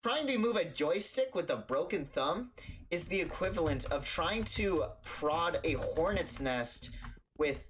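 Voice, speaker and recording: Stammering, animated young man telling a story. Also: on the high side, measured pace, slight background noise. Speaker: streamer telling a childhood story. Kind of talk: storytime vlog.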